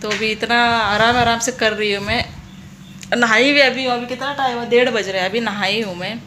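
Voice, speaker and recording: A bright, fairly high-voiced young woman with a Rajasthani Hindi accent chats to the camera at home while dealing with back pain. She tells her story in a rambling way, restarting her sentences, and faint household noise sits behind her. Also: fairly even intonation, normal speed. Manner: chatty storytelling with many restarts. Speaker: vlogger. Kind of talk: casual chat to camera.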